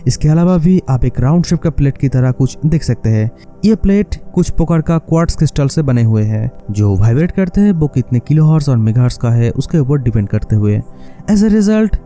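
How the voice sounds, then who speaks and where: Hosting a DIY electronics tutorial, a man with a warm, mid-range voice narrates a scripted, step-by-step explanation. He addresses viewers directly, poses rhetorical questions, and mixes English words and phrases into his speech.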